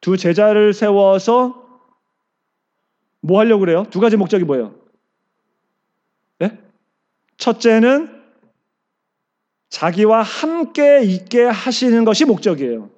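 High-voiced pastor preaching a sermon. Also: male voice, animated, slow pace, long pauses, darkish tone, muffled recording. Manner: asks the congregation questions and answers them himself; acts out quoted lines.

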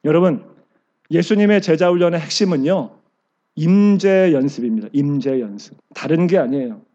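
A man's voice: fairly high pitch, normal speed, warm tone, highs cut off. A male pastor preaching a sermon, asking the congregation questions and answering them himself, and acting out quoted lines.

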